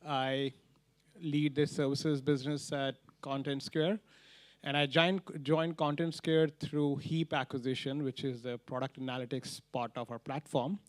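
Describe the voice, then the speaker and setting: A man moderating a conference panel, brisk and friendly. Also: medium pitch, flat delivery, no room sound. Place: conference stage.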